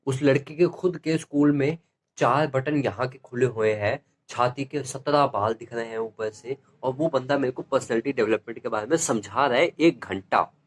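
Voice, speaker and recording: A teenage male stand-up comedian telling rambling school stories in an animated, laughing way. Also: mid-range voice, normal speed. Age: teens.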